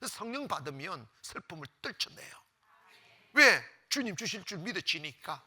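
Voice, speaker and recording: Bright, high-pitched man preaching emphatically. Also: very animated, normal speed, slightly rough. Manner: swings between loud exclamations and near-whispers; emphatic, repeats phrases for effect. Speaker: pastor. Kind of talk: sermon.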